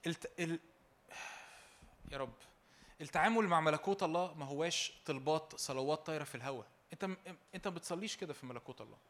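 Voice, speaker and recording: A man's voice: on the high side, quick pace, pauses often, fairly bright tone. A young man preaching a sermon with an Egyptian Arabic accent, fervent and repetitive, raising his voice in exhortation and slipping in joking asides.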